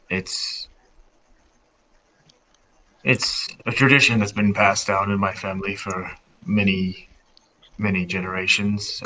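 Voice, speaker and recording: Man doing a young martial artist, guarded, low voice, slow delivery. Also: bright, forceful tone, heavily acted, low-quality recording. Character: calm young martial artist from a family of fighters.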